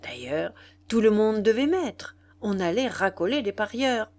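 A woman narrating a classic novel as an audiobook with an expressive, dramatic reading. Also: medium pitch, measured pace. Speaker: audiobook reader.

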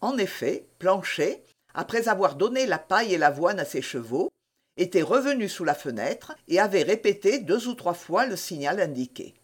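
A reader narrating a classic adventure novel in an expressive way. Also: normal speed, slightly rough. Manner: expressive, varied pitch.

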